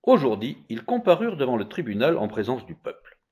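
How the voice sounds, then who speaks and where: A man narrating a story in a calm, even telling. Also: mid-range voice, a little fast, breathy edge. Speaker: reader.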